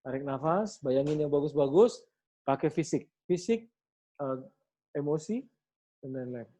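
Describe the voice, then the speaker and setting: A middle-aged man coaching parents in an online class, lively and acting out shouts and counts as he teaches. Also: on the high side, measured pace. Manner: animated, acts out shouts and counts while teaching. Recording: dull lo-fi audio.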